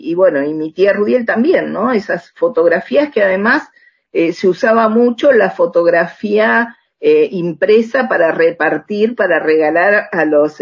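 On a somewhat muffled lo-fi recording, a middle-aged Argentine woman who writes radio dramas talks as an interview guest, recounting anecdotes. Her voice is on the low side with a breathy edge, and she keeps dropping in little tag questions as she converses.

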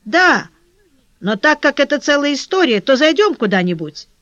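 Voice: high voice, big pitch swings, moderate pace, a bit bright, no room sound, voice pushed up. A narrator reading the lines of a sly, scheming male crook in an audiobook, with a secretive, insinuating manner. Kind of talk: audiobook character voice. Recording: dull dry lo-fi recording.

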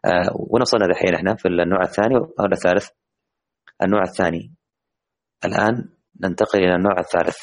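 A man teaching an online tajweed lesson to women. He quizzes his students, praises their answers, and stretches words slowly when he recites examples. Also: deep voice, steady tone.

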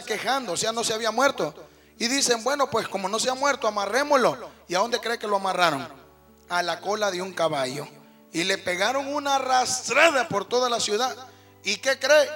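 Folksy Mexican preacher with a bright voice. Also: male voice, high voice. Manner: folksy, conversational, keeps addressing listeners as brother. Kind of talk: sermon.

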